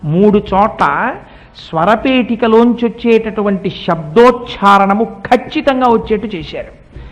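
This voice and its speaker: Middle-aged guy, kinda high voice, preaching a devotional talk, slows down to chant mantras. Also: expressive, lo-fi sound. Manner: explanatory, chants mantras slowly. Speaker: religious speaker. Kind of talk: devotional discourse.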